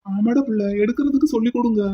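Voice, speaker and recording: A woman's voice: fairly high pitch, quick pace, husky. A woman voicing a young uncle in a cartoon, cooing and doting clumsily over a baby. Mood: sheepish. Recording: dull lo-fi audio.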